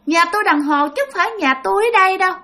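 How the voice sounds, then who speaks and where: A woman with a Southern Vietnamese accent voicing a lonely, hungry child ghost who whines and cries in a small, high voice. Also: animated, racing, pushed and bright, exaggerated voice. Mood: whiny childlike. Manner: whiny, tearful, childish.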